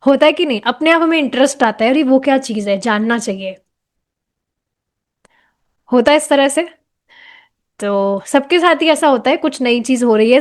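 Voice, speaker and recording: A woman explaining a devotional book to a class in a conversational way, slipping in English phrases and asking her listeners rhetorical questions. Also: sits high.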